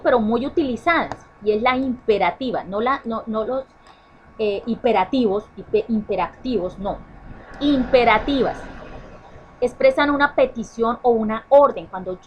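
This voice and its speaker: A woman's voice: a little high, lively intonation, normal speed, a little hiss or hum, poor audio. A woman teacher explaining a grammar lesson to children, often checking in with "¿sí?" and correcting herself as she goes. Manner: self-correcting restarts. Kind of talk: online class explanation.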